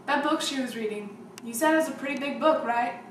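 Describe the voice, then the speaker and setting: A woman's voice: sits high, brisk, background noise, natural voice. A woman playing a strict, guarded mother who scolds her young daughter firmly, in an amateur short film. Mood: quiet, grave. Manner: firm, scolding, later hushed and grave. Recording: echoey room, distant mic, music behind.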